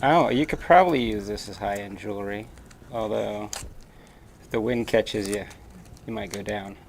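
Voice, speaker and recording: A man in his thirties co-hosts a live craft stream from his workshop, joking and teasing playfully as he works. His voice sits on the low side at normal speed, and the camera mic picks up a little hiss or hum.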